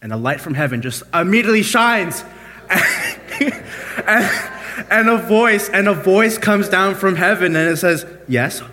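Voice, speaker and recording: A young man gives a sermon as pastor, spinning a story in a loose, animated way with fillers and restarts. His voice sits a bit high and sounds bright. The room's long reverb carries it through a church hall. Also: unhurried, a little hiss or hum. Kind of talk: sermon with a joke opening.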